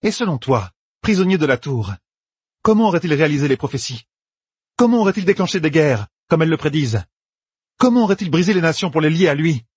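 A man voicing a calm, defiant young woman captive in an audiobook, cool and cutting. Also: fairly high pitch, a little fast, husky, no room sound, voice pushed up.

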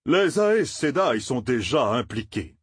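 A man voicing a sly, theatrical male peddler who spins his news slowly and grandly, in an audiobook. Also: medium pitch, big pitch swings, breathy edge, dry recording, clean studio sound, pitched above the performer's own voice. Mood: grandiose. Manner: drawn-out, pompous storytelling. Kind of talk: audiobook character voice.

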